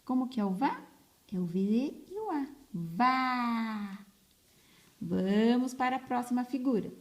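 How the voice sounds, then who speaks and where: Speaking with a fairly high, expressive voice and a dark tone, a teacher helps children learn to read by drawing words out slowly and stressing each repeated syllable. It was captured on a phone.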